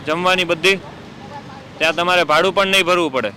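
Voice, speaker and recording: A man, a social worker gently coaxing and explaining outdoors by a road. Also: high voice, fairly quick. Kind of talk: calm persuasion and explanation. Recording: outdoor traffic noise.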